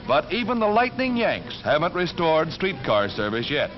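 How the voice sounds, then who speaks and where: An American man reads scripted 1940s wartime newsreel narration in a dramatic, emphatic announcer style. His voice is a little high with big pitch swings at a moderate pace, over orchestral music on a dull 1940s newsreel soundtrack.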